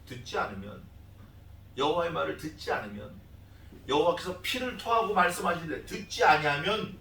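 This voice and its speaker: A man preaching an expository sermon as pastor, animated, questioning his congregation and acting out scripture voices. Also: fairly high pitch, fairly quick, gravelly, echoey room, recorded from a distance, slight background noise, low-quality recording. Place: church sanctuary.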